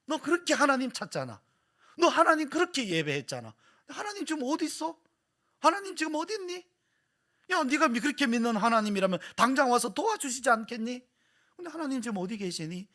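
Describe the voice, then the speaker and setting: A man's voice: big pitch swings, brisk, pushed and bright, exaggerated voice. A man voicing a swaggering taunting man who jeers at someone in pain, with a raised, mocking voice. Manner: jeering, swaggering, high-pitched taunts.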